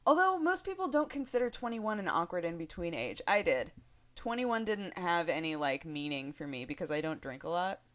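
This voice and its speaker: A woman's voice: on the low side, big pitch swings, moderate pace, a bit bright. Chatty giggly young woman vlogging. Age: 20s. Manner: chatty, giggly, full of fillers and restarts. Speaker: video blogger. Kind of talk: casual rambling vlog.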